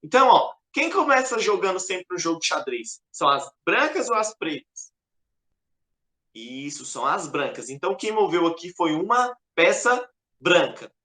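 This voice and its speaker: A man's voice: high voice, big pitch swings, normal speed, bright, forceful tone. A man teaching a chess lesson, patient and repetitive as he points at the board. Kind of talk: explaining a lesson over a board. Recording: echoey room.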